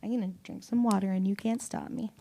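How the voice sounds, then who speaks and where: A young woman doing an open mic stand-up set on a small stage, deadpan with sudden loud bursts and giggles. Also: medium pitch, fast, creaky. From Canada. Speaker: stand-up comedian. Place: small comedy venue on stage.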